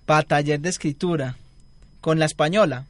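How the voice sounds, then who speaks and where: A man's voice: a little high, normal speed, a bit bright, dry recording. A young man telling a long, rambling story in casual chat and acting out the quotes. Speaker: guest storyteller.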